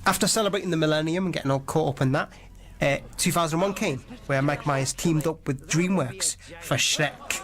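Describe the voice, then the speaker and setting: A man's voice: on the high side, moderate pace, fairly bright tone. A man hosting an online radio show, chatting casually and enthusiastically about films with jokey asides. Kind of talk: casual movie trivia chat.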